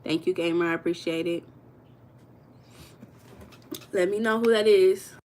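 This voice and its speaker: A woman's voice: fairly low pitch, brisk, a little mellow. American woman, livestream host, casual and chatty, talks straight to her viewers. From United States. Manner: chatty, addresses viewers as y'all, reads comments aloud.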